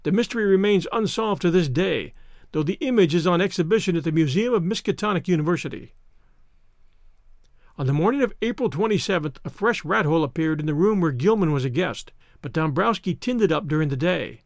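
A man's voice: fairly high pitch, expressive, a little fast, vocal fry, no echo, clean studio sound. A man, a podcast host, reading a horror story aloud in audiobook style.

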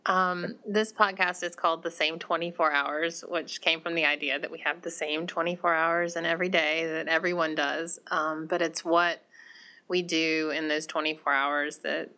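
A woman hosts a podcast and chats casually and easily with her guest. Her voice sits very low for a woman, but it has a bright, forceful tone. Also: steady tone, moderate pace. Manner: chatty, laughs easily. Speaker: podcast host. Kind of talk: casual interview conversation.

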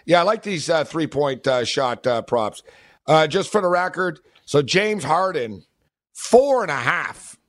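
A man co-hosting a sports betting podcast, his slightly high voice loose and full of laughter. He rambles through stories in a chatty way. The dry, close mic leaves almost no room sound. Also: sing-song, a little slow, no echo. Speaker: podcast co-host. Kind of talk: casual sports betting chat.

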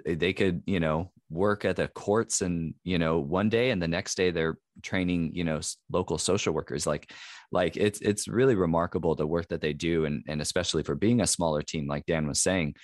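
A man's voice: sits low, steady tone, moderate pace, dry recording, clean studio sound. A man co-hosting a podcast, talking casually in a rambling way with many fillers and restarts. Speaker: podcast co-host.

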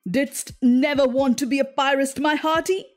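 A woman's voice: high voice, steady tone, normal speed, close to an everyday voice. A woman voicing a menacing, pompous male pirate captain with a commanding, theatrical, old-fashioned manner in a storybook.

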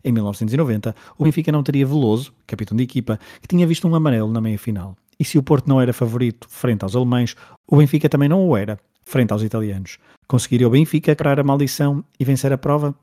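Quick-paced, mellow male sports narrator. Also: mid-range voice. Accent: European Portuguese. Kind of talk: scripted documentary narration.

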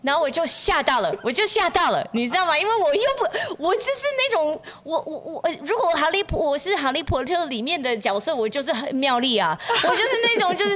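Woman telling lively stories, high voice. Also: fast talker, few pauses. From United States. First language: English. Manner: laughs often, acts out the voices of people in her stories. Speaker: podcast guest. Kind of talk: animated storytelling.

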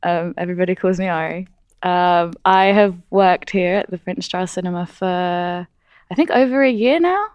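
A twenty-year-old woman from Indonesia, speaking in a slightly low voice with a dry, close sound. She co-hosts a podcast in easy, bubbly conversation, quick to laugh along. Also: clean tone, no echo, muffled recording. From Jakarta, Indonesia. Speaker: podcast co-host, cinema staff member. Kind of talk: casual chat.

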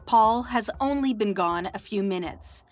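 A woman reporter reads scripted narration for a news feature. She takes it very slowly, in a measured, even-pitched voice. Faint music plays under her. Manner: measured, deliberate delivery.

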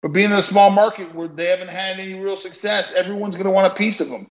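A man's voice: sits high, steady tone, quick pace. A man giving conversational sports opinion as an analyst, insistent and repeating his points for emphasis. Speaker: football analyst. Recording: roomy, dull remote sound.

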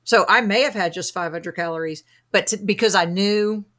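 Female podcast host, Arkansas Southern accent, medium pitch, chatty, effusive, casual storytelling. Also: normal speed, a bit bright. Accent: Arkansas, American South. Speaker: podcast host, fasting coach. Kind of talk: casual chat interview.

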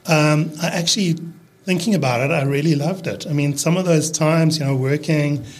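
A South African man in his early fifties, a podcast guest talking casually about his work, with many restarts and fillers. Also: a little high. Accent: South African, fading toward American. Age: 50s. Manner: halting, restarts a lot, fillers, relaxed. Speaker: podcast guest, landscaping business owner. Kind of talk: casual conversational interview.

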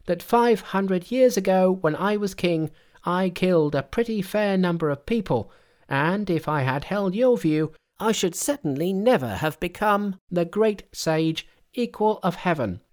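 Storyteller putting on a monkey king, very high voice, brash, boastful, defiant, storybook character. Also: expressive, a little slow, a little mellow, close to an everyday voice. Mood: proud, unrepentant. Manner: cocky, taunting, defiant.

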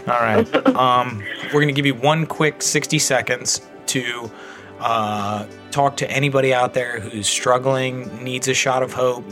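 A man hosting a recovery podcast in loose, casual talk, joking and swearing freely. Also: mid-range voice. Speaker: podcast host.

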